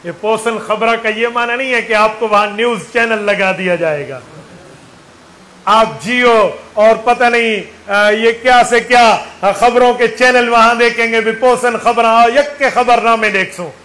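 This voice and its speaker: A man's voice: extremely high pitch, steady tone, unhurried, sharp tone, poor audio. A man preaching a sermon, asking his listeners rhetorical questions and counting aloud with them. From Saraiki-speaking region of Pakistan.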